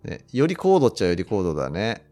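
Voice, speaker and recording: Lively low-voiced man, reflective casual chat. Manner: attentive listener, reflective, slows down when musing. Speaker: podcast co-host.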